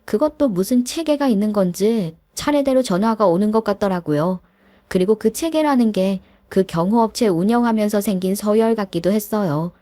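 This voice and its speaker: A woman narrating a first-person story in a steady, conversational way. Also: medium pitch, moderate pace, no echo.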